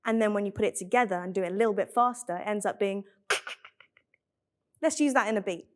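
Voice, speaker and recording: A woman giving a clear, upbeat beatbox tutorial. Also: mid-range voice, fast. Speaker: beatbox teacher.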